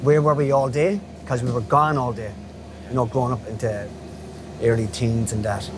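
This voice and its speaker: Casting: man in his fifties, west of Ireland accent from Galway, mid-pitched, casual storyteller, recorded amid clear traffic noise. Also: fairly even intonation, moderate pace. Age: 50s. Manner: chatty, colloquial, often checking in with "you know". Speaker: interviewee, local window cleaner. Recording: noisy street ambience with traffic.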